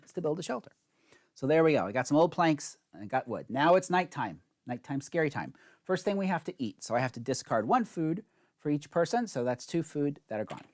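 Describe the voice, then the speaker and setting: A man hosting a solo board game playthrough, explaining each rule step by step while he plays, with chatty, self-mocking asides. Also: a little high.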